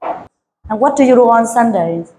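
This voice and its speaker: A woman's voice: a little high, animated, a little slow, warm tone, rough recording. A woman English teacher giving an oral test, patiently repeating short questions.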